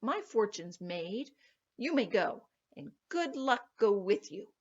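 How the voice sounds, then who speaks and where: A woman's voice: mid-range voice, very animated, slow pace, slightly rough, heavily acted. A cocky young farm lad from a storybook, put on by a woman reader. He is bold and greedy, speaking in an eager, emphatic, demanding way. The sound is a touch dull. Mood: pleased. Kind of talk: storybook character voice.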